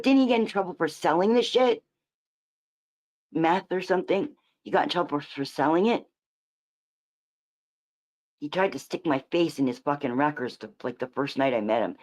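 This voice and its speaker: Lowish-voiced woman ranting on her stream, keeps restarting, swears a lot. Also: a little mellow. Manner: rambling, restarts often, swears. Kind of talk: rambling reaction-stream commentary.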